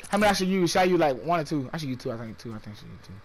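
A young man streaming a game, chatting casually with excitable, slangy talk and quick repeated callouts. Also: on the high side. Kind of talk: casual gaming chat.

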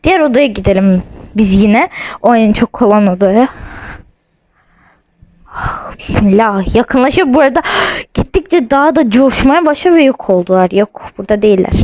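A young woman films a casual vlog on her phone at home while using a ghost-hunting app, jumpy and nervous and repeatedly saying she's scared. Her voice is fairly high and animated with a slightly mellow tone, at a moderate pace with long pauses. The audio is poor, with no echo.

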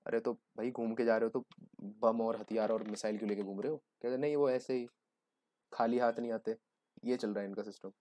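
A man's voice: mid-range voice, steady tone, fairly quick, dark tone. A young man giving a joking, conversational exam-prep lecture, explaining with everyday examples. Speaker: teacher.

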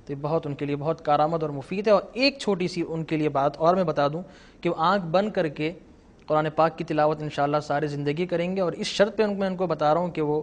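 Man with a fairly high voice, patient teacher of recitation; a guest explaining rules and chanting example verses. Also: fairly quick. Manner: patient, instructive, reciting Arabic examples melodiously.

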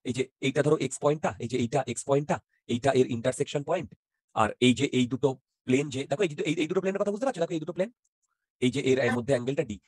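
A man's voice: mid-range voice, darkish tone, no room sound, clean studio sound. A man teaching physics in an interactive online class, often checking whether students follow and mixing in English terms.

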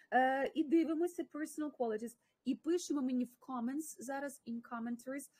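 A woman's voice: a little high, a little mellow, husky, no echo. A woman with a Ukrainian accent teaching an English lesson on a livestream, mixing both languages and praising her students by name.

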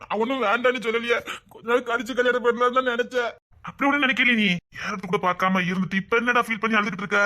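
A man's voice: extremely high pitch, fairly even intonation, rapid-fire, sharp tone. An actor with a Tirunelveli Tamil accent playing a young man who mockingly needles his heartbroken friend in a comedy sketch. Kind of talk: comic sketch banter.

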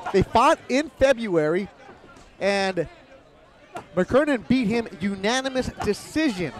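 High-voiced bantering male boxing commentator. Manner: bantering, informal. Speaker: boxing commentator, lead host. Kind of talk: casual sports broadcast commentary. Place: outdoors at ringside.

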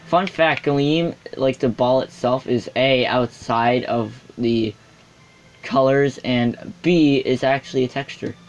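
Young guy yelling and joking over a game, unhurried talk, desk mic, some faint background sound. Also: medium pitch, slight background noise. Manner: excitable, sarcastic, loud outbursts. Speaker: gaming video host. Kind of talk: casual gameplay commentary.

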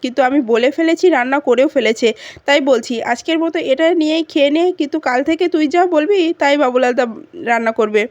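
A woman voicing a scolding older woman of the household in her plain, quick retelling voice. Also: high-pitched, darkish tone, no echo, dull audio, close to an everyday voice. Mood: arguing.

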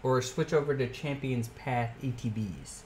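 A man's voice: medium pitch, a little slow, darkish tone, slight background noise. A young man streaming live, reading card names aloud as he opens packs and chatting casually with his viewers.

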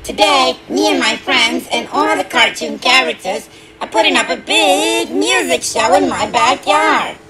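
A woman's voice: fairly high pitch, expressive, unhurried, over music. A woman voicing a cheerful young male sea sponge cartoon character, eager and bubbly.

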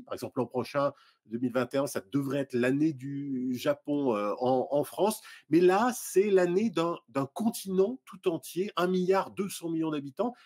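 Husky middle-aged guy hosting a tv arts interview over video call, lively questions, lots of euhs. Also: a little high. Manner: lively questioning, frequent fillers. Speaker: TV arts show host.

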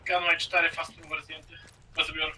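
A man's voice: on the high side, monotone, fairly quick, distant mic, noisy background. A man giving clipped military-style callouts, heard over a radio channel. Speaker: player on a squad radio net.

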